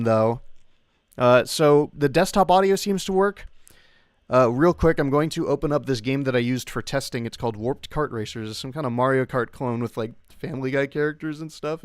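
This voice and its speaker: Clean studio sound with no room noise carries this livestream host's clear, resonant mid-range voice. He's a young man who chats casually but rambles, hesitates, and interrupts himself, now and then coughing because of long covid.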